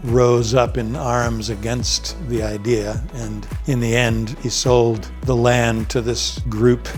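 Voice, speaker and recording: An older man telling his story in an interview as a sculptor, in an unhurried, thoughtful way with pauses as he recalls. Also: mid-range voice.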